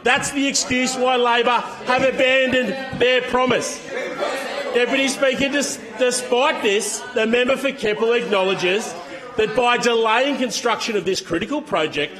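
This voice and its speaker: A man's voice: extremely high pitch, fairly even intonation, normal speed, crowd noise. A man with an Australian accent delivering a combative, emphatic speech in parliament, leaning on repetition for force. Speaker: opposition member of parliament. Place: parliament chamber.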